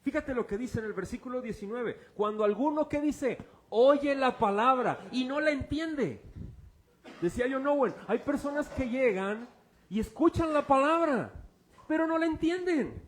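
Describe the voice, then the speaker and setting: A man's voice: very high-pitched, lively intonation, moderate pace. A man preaching a sermon as pastor, informal and joking, quizzing his congregation with fill-in-the-blank questions. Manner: informal and joking, uses object illustrations.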